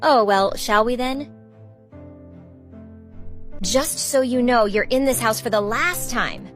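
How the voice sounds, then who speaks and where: A haughty, high-voiced rich wife. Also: female voice, slow, soft background music. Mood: condescending. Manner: condescending, curt. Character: haughty, cold, money-minded wife ordering servants about. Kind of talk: scripted drama dialogue.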